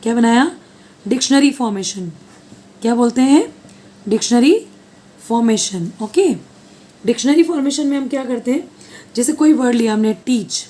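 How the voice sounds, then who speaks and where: A woman's voice: a little high, lively intonation, normal speed, pauses often, warm tone. Woman teacher asking and answering herself. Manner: repeats questions to the class and answers them; mixes Hindi with English terms. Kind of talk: recorded lecture.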